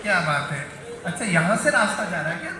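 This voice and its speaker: A man's voice: high-pitched, big pitch swings, fairly quick, noisy background. A man performing as a satirical poet in a live comic poetry recital, bantering with the audience on stage. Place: large hall on stage. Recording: echoey hall, faint crowd.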